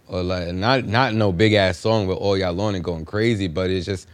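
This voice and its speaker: A man talks casually as a podcast co-host. His voice is low and his delivery is halting and slangy, circling around the point. The recording is dry, without room sound. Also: no echo. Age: 30s. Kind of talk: casual chat.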